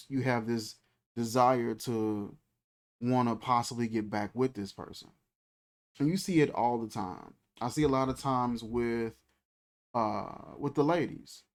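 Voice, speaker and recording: With a mid-range, somewhat mellow voice, the host of a faith channel, a man in his thirties, gives a conversational, reflective talk. He repeats phrases and keeps his speech relaxed and colloquial.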